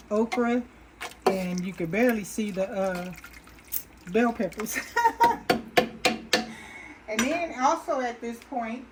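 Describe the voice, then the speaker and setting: This cooking channel host has a mid-range voice, buried under heavy background noise from pots and water in her kitchen. Stirring and tossing in ingredients, she talks casually to viewers in a homey style, with frequent ums and false starts.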